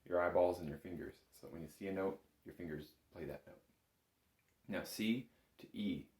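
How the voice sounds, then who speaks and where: A music instructor with a low, a little mellow voice leads a patient, careful, step-by-step lesson. The echoing room gives the recording a roomy sound.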